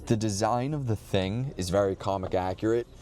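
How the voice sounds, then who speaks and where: A man's voice: fairly low pitch, normal speed, mellow, faint music behind. A man chatting casually in a rambling, slangy, profane way with a laid-back stoner drawl. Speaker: vlogger.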